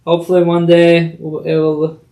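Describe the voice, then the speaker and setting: A man's voice: fairly high pitch, completely flat delivery, moderate pace, mellow. A man hosting a podcast, chatting casually and conversationally with a guest. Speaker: podcast host.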